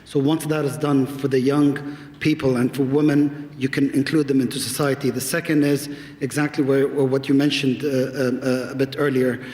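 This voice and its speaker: Male panelist, mid pitch, hesitant, roomy hall. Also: level tone, normal speed, darkish tone. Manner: hesitant, many fillers, then lists points. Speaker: panelist, doctor.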